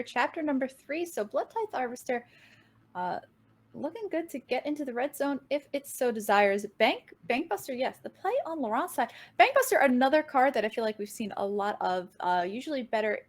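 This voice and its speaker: A woman casting a card game match, giving play-by-play commentary with an upbeat manner and quick swings in pitch and tempo. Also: animated. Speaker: game caster.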